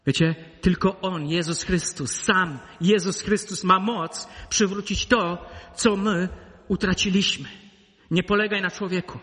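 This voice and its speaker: High, bright-voiced preacher in a reverberant hall. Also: male voice, steady tone, a little slow. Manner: emphatic preaching that swings between loud peaks and low intimate asides. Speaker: pastor. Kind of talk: sermon.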